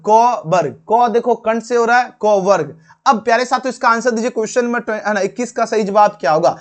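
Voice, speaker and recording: High-voiced man teaching an exam key. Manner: calls viewers "dear friends", repeats each question and asks them to answer; full of fillers. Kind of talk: exam answer-key walkthrough.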